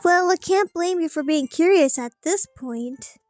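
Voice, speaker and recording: A woman's voice: extremely high pitch, unhurried, a little mellow, faint music behind. A woman playing through a story game, reading the dialogue aloud theatrically with casual asides. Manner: theatrical, acting out character lines. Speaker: let's play streamer.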